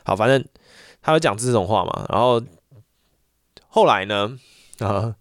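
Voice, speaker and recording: A man's voice: on the low side, unhurried, no echo, clean studio sound. Ranting man. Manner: animated, repetitive ranting with frequent restarts. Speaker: voice teacher. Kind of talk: casual monologue.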